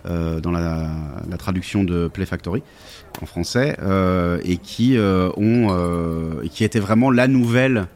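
A man's voice: low-pitched, unhurried, darkish tone, a little hiss or hum. A man talking casually about tabletop role-playing games, thoughtful and hesitant with many fillers.

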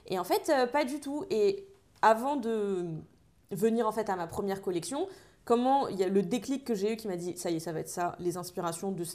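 A young woman from Paris, a designer, chatting in an interview and telling animated stories full of fillers and acted-out lines. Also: mid-range voice, fairly quick. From Paris, France. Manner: lively storyteller, acts out others' lines, many fillers. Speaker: designer guest. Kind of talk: casual interview chat.

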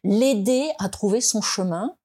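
A woman from France speaking as a guest in an interview, reflective and hesitant, with many fillers and restarts, and rising in pitch to stress her points. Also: a little slow, warm tone, slightly rough. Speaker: design expert guest. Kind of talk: conversational interview.

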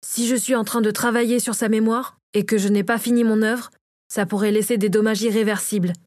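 A woman's voice: fairly high pitch, little pitch movement, a little fast, a little mellow, no room sound, lightly acted. Woman reading reluctant cook, man figure, careful and guarded, dry voice. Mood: cautious. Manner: reluctant and cautious. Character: hesitant cook with mind magic, man.

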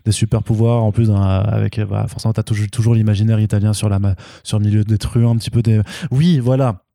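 A man's voice: lowish voice, flat delivery, fast talker, vocal fry, warm tone, no room sound. Hesitant man chatting about films. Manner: hesitant, many fillers and restarts; enthusiastic. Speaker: podcast co-host. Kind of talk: casual film news chat.

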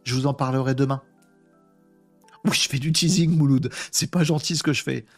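A man's voice: medium pitch, steady tone, normal speed, faint music behind. A man hosting a live webinar, talking casually and with energy, using slang and addressing his chat viewers directly. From France. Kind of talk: casual live-stream talk.

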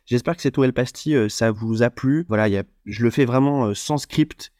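A man's voice: medium pitch, brisk, a little mellow, no echo, clean studio sound. A man hosting a solo podcast, talking without a script and hesitating often, with many fillers and restarts. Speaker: podcast host. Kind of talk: unscripted solo podcast talk.

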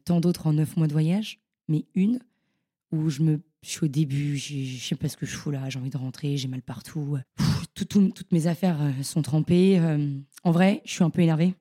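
A young woman, a podcast guest, telling her stories in a casual, animated and slangy way. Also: deep voice. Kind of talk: casual storytelling interview.

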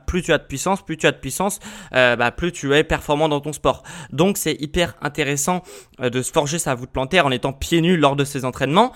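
A man with a slightly high voice hosts a podcast, talking the listener through health and fitness tips in a loose, conversational way. He fills pauses with hesitations, restarts his sentences and often checks in with the listener. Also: a bit bright. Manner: addresses listener informally, frequent filler sounds and restarts, checks in with "ok?". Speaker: podcast host.

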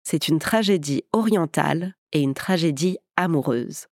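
A woman's voice: low voice, a little slow, darkish tone, dry recording, clean studio sound. A woman hosting a podcast, narrating a scripted story in a theatrical storyteller's way. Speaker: podcast host and actress. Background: music.

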